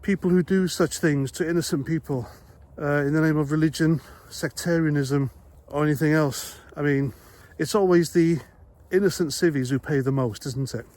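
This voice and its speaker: Speaking at a moderate pace, a man from Wales with a Welsh accent and a high-leaning, slightly mellow voice gives a blunt opinion monologue. The ex-army vlogger keeps it conversational and loads it with rhetorical questions.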